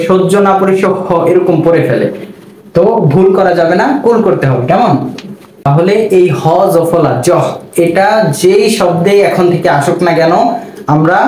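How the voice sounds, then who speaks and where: A man's voice: fairly high pitch, darkish tone. A man teaching a spelling and pronunciation lesson, saying each sound twice and asking the listener questions. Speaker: Bengali language teacher. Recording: roomy with faint background noise.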